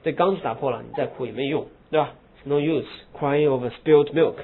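A man teaching English grammar, explaining in Mandarin and reading English example phrases slowly and with emphasis. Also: mid-range voice, background noise. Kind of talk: lecture. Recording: husky lo-fi phone-like recording.

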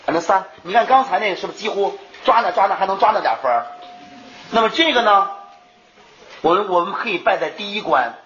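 A man teaching an English exam class in a lively lecture, firing rhetorical questions at the students and answering them himself. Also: sits high, a little fast. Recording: echoey lo-fi room recording.

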